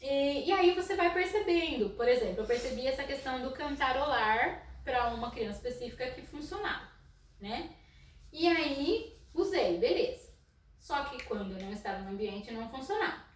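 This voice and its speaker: Loud-voiced Brazilian woman in an echoey room. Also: sits high, lively intonation, moderate pace, slight background noise. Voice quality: naturally loud speaking voice. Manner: storytelling with frequent "né?" tags and soft laughs. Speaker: psychologist in school inclusion. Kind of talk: casual educational talk. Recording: echoey room, mic at a distance.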